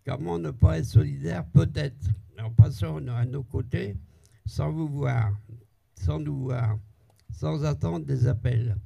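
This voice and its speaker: Older man reading slowly, halting and coughing, very creaky husky voice. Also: mid-range voice, mellow, low-quality recording. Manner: halting, with coughs and self-corrections. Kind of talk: reading a prepared text aloud.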